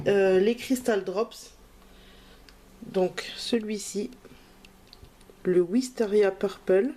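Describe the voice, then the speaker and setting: A woman from France, a crafting vlogger, presents her purchases in a casual haul video using a mid-range, dark voice. She talks loosely and hesitantly, leaning on many fillers.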